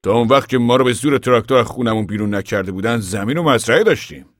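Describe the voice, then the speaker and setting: A man voicing a determined older farmer father who speaks loudly and insistently in an audiobook reading. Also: mid-range voice, no echo, clean studio sound, voice pushed up, natural voice. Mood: earnest. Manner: loud, insistent, raised voice.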